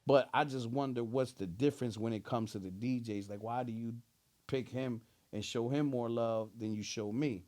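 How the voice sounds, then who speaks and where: A man's voice: medium pitch, normal speed, darkish tone. A man with a New Jersey accent talking casually as a rapper being interviewed, using heavy street slang and emphatic, repeated check-in phrases.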